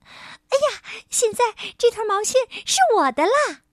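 A woman voicing an excitable little boy mouse in a children's storybook, with squeaky, eager exclamations. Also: a little slow, no echo, clean studio sound, full character voice. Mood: excited.

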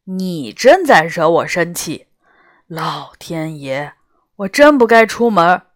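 A woman voicing a grumpy, fierce male tiger-like beast in a storybook, speaking in a gruff, curt and irritable way. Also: on the low side, sing-song, slow pace, dry recording, clean studio sound. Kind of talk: storybook character voice.

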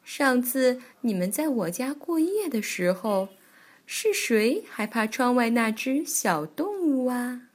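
A woman voicing a kindly old grandmother bear in a children's storybook, speaking softly and lower than her own voice. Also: big pitch swings, slow pace, heavily acted. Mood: teasing. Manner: soft, kindly, soothing.

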